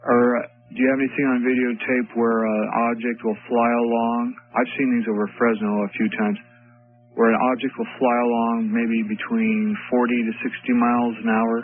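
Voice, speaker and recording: A man calling in over the phone to a radio talk show, polite and formal, addressing the hosts as gentlemen. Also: medium pitch, level tone, normal speed. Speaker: caller. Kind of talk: call-in to a late-night radio talk show. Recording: tinny phone line on the radio.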